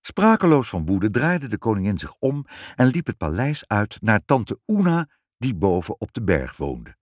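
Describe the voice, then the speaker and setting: Animated man reading a fairy tale. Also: on the low side, normal speed, no room sound, clean studio sound. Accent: Dutch. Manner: expressive, animated. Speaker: narrator. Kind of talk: storybook reading.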